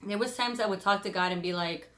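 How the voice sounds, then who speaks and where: A woman of about thirty talking to camera in a casual vlog, openly expressive and chatty, speaking of her faith. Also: medium pitch, fast. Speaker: vlogger.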